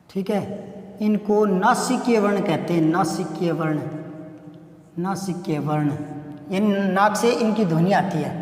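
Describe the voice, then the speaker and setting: A man teaching a Hindi grammar lesson, repeating words and sounding out letters slowly. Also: high-pitched, darkish tone. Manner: repetitive, drills sounds aloud. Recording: echoey room with long reverb.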